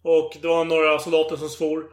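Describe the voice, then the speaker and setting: A man casually retelling a story in a podcast chat, animated and acting out the quoted lines. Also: a little high, reverberant.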